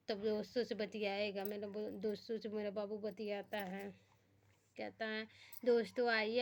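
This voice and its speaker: A woman's voice: medium pitch, gravelly, a little mellow. Chatty woman vlogging at home at night. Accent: Bhojpuri-tinged Hindi. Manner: chatty, addresses viewers as friends. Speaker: family vlogger. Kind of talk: casual home vlog to viewers.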